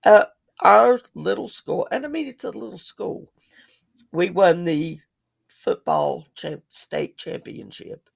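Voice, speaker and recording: A woman's voice: medium pitch, expressive, slow, creaky. A woman co-hosting a podcast in casual chat, chatty and laughing often. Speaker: podcast co-host.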